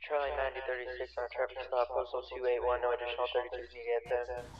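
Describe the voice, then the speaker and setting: A man's voice comes over a walkie-talkie, dull and lo-fi through the little speaker. He keeps an almost monotone delivery at a middling pitch, rattling off clipped police codes and call signs. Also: fast talker. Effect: over walkie-talkie radio. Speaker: police dispatcher on radio. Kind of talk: police radio chatter. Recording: muffled lo-fi radio.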